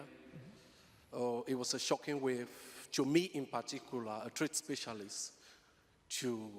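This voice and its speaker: Formal man from Cameroon asking a question. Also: medium pitch. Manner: formal, deliberate. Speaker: audience member, trade specialist. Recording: reverberant hall.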